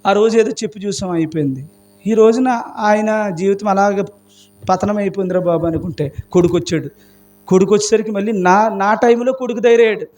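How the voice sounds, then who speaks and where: A man's voice: high voice, steady tone, brisk, darkish tone. A male pastor preaching a sermon with passion, asking his congregation question after question. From India. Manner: impassioned preaching with rhetorical questions.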